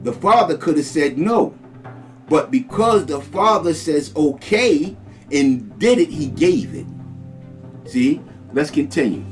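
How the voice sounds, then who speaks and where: Slow, emphatic preacher man. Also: on the high side, expressive, soft background music. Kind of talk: sermon.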